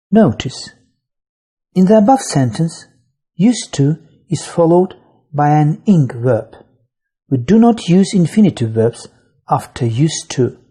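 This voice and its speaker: Reading out a grammar lesson, this English teacher speaks in a slow, deliberate, husky yet mellow voice, and the pitch swings widely from phrase to phrase. The delivery suggests a scripted narration made for an online course.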